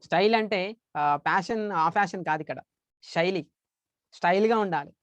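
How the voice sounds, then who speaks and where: Male motivational trainer, rapid lecture delivery, emphatic and repetitive, close dry sound. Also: sits high, a bit bright, no echo. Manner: emphatic, repeats key points, mixes English terms. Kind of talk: training lecture on public speaking.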